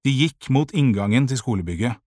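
A man narrating a children's audiobook in a calm, measured way, with a husky voice. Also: medium pitch, dry recording, studio quality.

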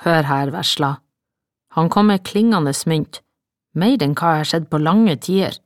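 A woman voicing a wary middle-aged male innkeeper who speaks in a gruff, drawling, folksy way in an audiobook. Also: low-pitched, dry recording, clean studio sound, lightly acted.

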